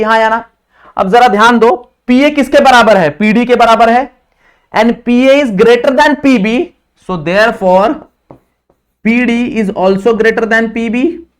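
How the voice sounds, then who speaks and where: High, clear-voiced male tutor with a slight lisp. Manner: keeps checking understanding with quick questions, calls students brother. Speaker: physics tutor. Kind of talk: classroom lecture mixing Hindi and English.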